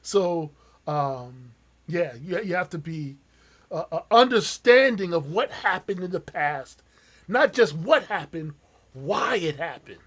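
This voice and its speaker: A man's voice: on the high side, sing-song, slow, a bit bright. A man hosting a podcast. He talks in an earnest, reflective way and often affirms what his guest says. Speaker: podcast host. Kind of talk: casual conversation.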